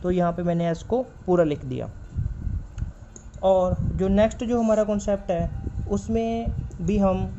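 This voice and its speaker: A high-voiced man speaks a little slowly over background noise as he leads a stenography class. Spelling out letters while writing, he repeats the key points and explains things patiently, step by step. The recording sounds dull and lo-fi.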